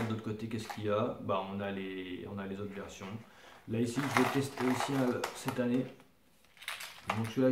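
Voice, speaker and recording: A man's voice: mid-range voice, background noise. French man chatting about fishing lures, echoey. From France. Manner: hesitant, many fillers and restarts. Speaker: fishing vlogger presenting lures. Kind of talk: casual talk to camera. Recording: echoey room.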